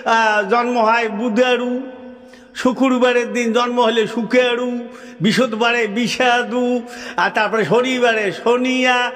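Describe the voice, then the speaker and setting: A man's voice: extremely high pitch, fairly bright tone, in a large hall, exaggerated voice. A man voicing chatty old village men in a folk puppet-show dialogue, speaking with a Rajbanshi accent and a folksy, repetitive manner. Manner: repetitive, folksy, laughing asides.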